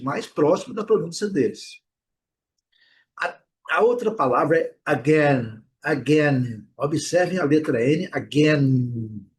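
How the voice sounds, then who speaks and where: A middle-aged man from Brazil gives an online English pronunciation lesson. His voice sits a little high for a man. He speaks patiently and says each word slowly, several times over. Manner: patient, repeats words slowly for practice.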